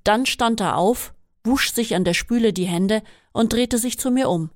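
A woman reading a first-person memoir aloud in a steady, measured way. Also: a little high, dry recording, studio quality. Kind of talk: scripted first-person narration.

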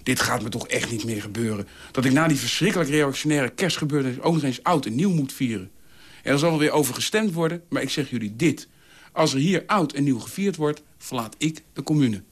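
With a husky voice delivered briskly and with animation, a man reads a radio story in the role of a commune ideologue. The character is dogmatic and quarrelsome, ranting as he scolds and lectures in a shrill, hectoring manner.

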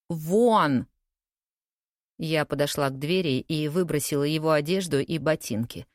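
A woman's voice: sits low, no room sound, studio quality. A woman narrating a first-person audiobook in a wry, confiding storytelling way.

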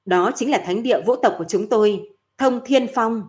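A woman voicing a young winged fairy woman who speaks in a bright, cheerful way. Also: a little high, moderate pace, close to an everyday voice.

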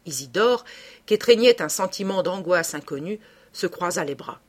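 A woman narrating a classic novel as an audiobook in a steady, expressive reading. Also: on the low side, normal speed.

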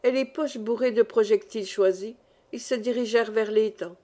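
A woman narrating a village story as an audiobook reader, with lively storytelling. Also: fairly high pitch, normal speed. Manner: lively storytelling, varied pace. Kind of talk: scripted narration.

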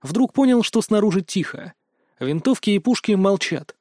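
A man narrating a fantasy audiobook in the first person, in a steady, dramatic storytelling manner. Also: sits high, moderate pace, dry recording, studio quality.

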